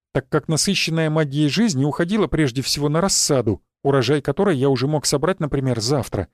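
A man narrates a fantasy audiobook in the first person with a steady, even delivery. His voice sits a bit higher than most men's, and it is recorded close and dry. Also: dry recording. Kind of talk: scripted narration of a fantasy novel.

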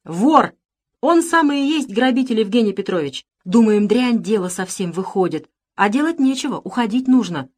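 A woman voicing an excited, breathless male servant who tells his news in a folksy gabble. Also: on the high side, moderate pace, pitched above the performer's own voice.

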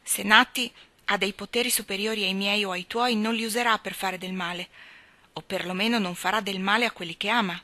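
A woman's voice: medium pitch, fairly even intonation, fairly quick, sharp tone, no room sound, natural voice. A woman reading the part of a defiant, scornful young woman in an audiobook story. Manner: scornful, challenging.

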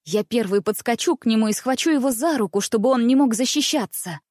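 A woman's voice: fairly high pitch, brisk, darkish tone, no room sound, studio quality, lightly acted. A woman voicing a bossy young man who plots and gives orders to his brothers. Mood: bossy scheming. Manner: commanding, plotting.

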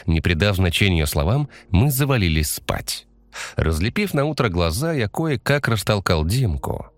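A man with a deep, low voice reads a horror story aloud. He narrates at a measured, steady pace. The recording is dry, with no room sound. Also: no room sound.

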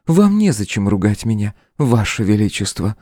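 A man voicing a calm, defiant demoness in an audiobook, speaking in a raised, unbothered tone with a smile. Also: fairly low pitch, normal speed, dry recording, studio quality, pitched above the performer's own voice. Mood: cool mocking. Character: cool mocking demoness woman, calm and defiant.

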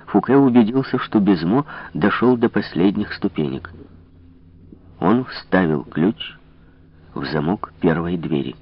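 A man narrating an audiobook in a measured, dramatic reading. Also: sits low. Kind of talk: scripted narration. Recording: dull lo-fi recording.

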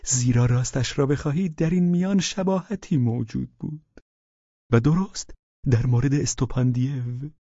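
A man's voice: medium pitch, warm tone, no echo, lo-fi sound, pitched above the performer's own voice, lightly acted. A man voicing a fawning, overwrought middle-aged widower in an audiobook, pleading in a raised, emotional voice. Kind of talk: audiobook character reading.

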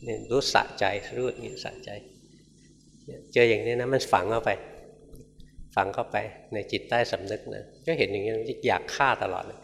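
A man, a Buddhist monk, giving a Dhamma talk in a conversational, gently humorous storytelling manner. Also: on the low side, steady tone, normal speed, gravelly. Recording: reverberant hall with faint noise.

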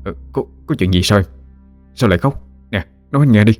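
A man voicing a worried young village man who gently soothes his sweetheart. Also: fairly low pitch, a little fast, soft background music, lightly acted. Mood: soothing. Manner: soothing, earnest.

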